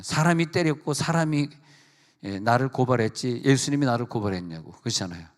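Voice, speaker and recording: A man preaching a sermon as pastor, acting out a mother and daughter in lively voices and putting questions directly to the congregation. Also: medium pitch, big-room sound. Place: church sanctuary.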